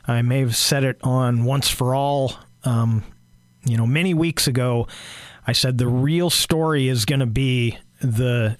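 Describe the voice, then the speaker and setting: A man hosting a solo political commentary show, hoarse and clearing his throat, talking in a halting way full of fillers and restarts. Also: medium pitch, dry recording.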